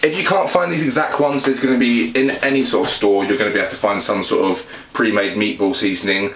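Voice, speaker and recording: Talking fast in a fairly bright voice on the low side, a young British man shows how to cook for his fitness and meal prep vlog. He keeps it informal and plain, filming indoors in a small home kitchen where the sound echoes and background noise is clear.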